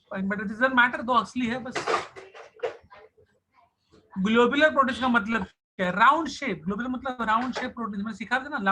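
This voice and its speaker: A man's voice: high voice, background noise. A man teaching biology in an online class, chatty and joking as he switches between Hindi and English.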